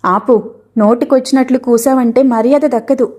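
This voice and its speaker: This is a spoken storybook voice for a fierce, grieving middle-aged mother, as a woman narrator puts her on. She cries and lashes out in anguish. The voice sits a little high with a soft, mellow warmth. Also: fairly even intonation, moderate pace, lightly acted. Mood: furious. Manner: anguished, crying and shouting.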